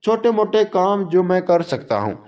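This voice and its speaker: A man voicing a gentle, affectionate blind young man in a storytelling recording, speaking in a soft, earnest way. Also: sits high, sing-song.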